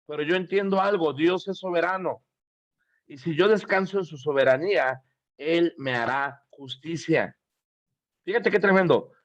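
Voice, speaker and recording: A man's voice: a little high, normal speed, no room sound. A middle-aged man preaching a sermon, emphatic and repetitive, asking the congregation rhetorical questions. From Mexico. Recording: dull, dry lo-fi sound.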